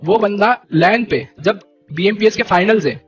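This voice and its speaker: A young man leading a gaming team, ranting to his stream viewers in an animated, indignant way and repeating fillers. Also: high voice, moderate pace, muffled recording, over music. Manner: animated and indignant, keeps repeating "theek hai" and "bhai". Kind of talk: heated live-stream rant.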